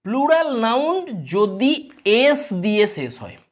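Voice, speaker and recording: Bengali-accented woman teacher, fairly high voice, patient exam-prep explainer who quizzes the class. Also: sing-song, unhurried. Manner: explains step by step, asks students rhetorical questions. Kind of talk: exam-prep grammar lesson.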